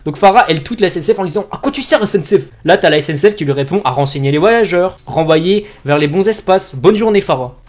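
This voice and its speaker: Animated high-voiced young man, slangy. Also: quick pace, hardly any pauses. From France. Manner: slangy, animated, reads tweets aloud with emphasis. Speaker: youtuber host. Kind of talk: casual comedic commentary.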